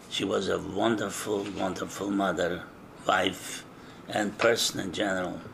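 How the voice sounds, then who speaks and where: An older man from eastern Czechoslovakia giving an oral history interview, recalling things in a slow, measured way with frequent hesitations. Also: lowish voice, gravelly, a bit bright, a little hiss or hum.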